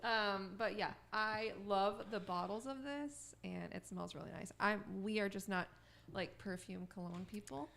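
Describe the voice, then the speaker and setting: A woman co-hosting a podcast in casual chat, rambling and giggly, with a strong vocal fry. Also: mid-range voice, a little slow, fairly bright tone. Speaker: podcast co-host.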